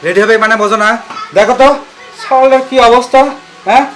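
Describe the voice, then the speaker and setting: A man's voice: extremely high pitch, fairly even intonation, fairly quick. A man plays a worried father and husband who questions and scolds reproachfully. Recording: echoey room, mic at a distance, music underneath.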